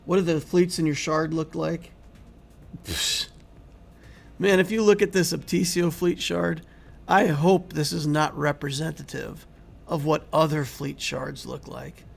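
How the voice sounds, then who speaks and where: A man hosting a casual game livestream, reading and answering viewer chat in a rambling, conversational way while he keeps losing his voice and clearing his throat. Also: on the high side, fairly even intonation, a little slow. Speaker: YouTube game channel host.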